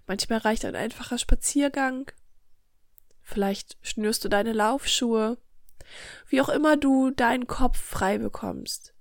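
A woman's voice: on the high side, vocal fry, no room sound, clean studio sound. A woman hosting a motivational self-help podcast, speaking earnestly and directly to the listener. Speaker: podcast host. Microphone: studio microphone.

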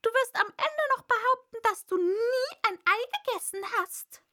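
A woman's voice: very high-pitched, animated, moderate pace, bright, forceful tone, voice pushed up, heavily acted. A woman voicing an indignant female pigeon who shrieks and scolds in a sobbing complaint, as a character in a read-aloud story. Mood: scornful. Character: shrill, indignant female pigeon guarding eggs. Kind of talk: audiobook character voice.

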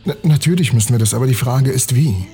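Man reading as a quick level-headed young man. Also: mid-range voice, warm tone, lightly acted. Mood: impatient.

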